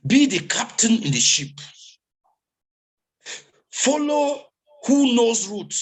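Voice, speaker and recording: A man's voice: very high-pitched, big pitch swings, takes it slowly, slightly rough. A man hosting an online meeting, giving a preachy motivational talk to the crowd over a video call. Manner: preachy, exhorting crowd, repetitive.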